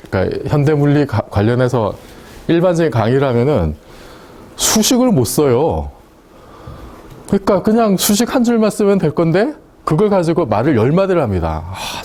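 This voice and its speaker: A man's voice: medium pitch, very animated, moderate pace, warm tone. A man giving a university lecture in a casual, chatty way, often asking the class questions and laughing at his own points. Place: lecture room.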